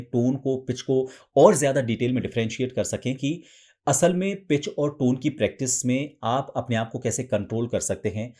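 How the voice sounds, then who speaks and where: Male voice coach, mid-range pitch, calm step-by-step teaching, occasional higher-pitched demos. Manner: patient, step-by-step explaining, demonstrates lines in a raised feminine pitch. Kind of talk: instructional explanation.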